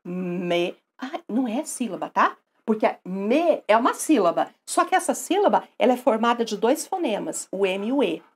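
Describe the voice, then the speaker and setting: A woman with a Brazilian Portuguese accent teaching a recorded grammar lesson, lively and affectionate, often asking her students questions. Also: a little high, moderate pace, slightly rough.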